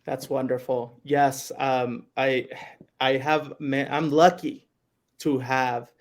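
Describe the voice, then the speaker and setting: A man's voice: medium pitch, flat delivery, slow. A man hosting a livestream interview, enthusiastic and slipping in the odd Spanish phrase. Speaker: host.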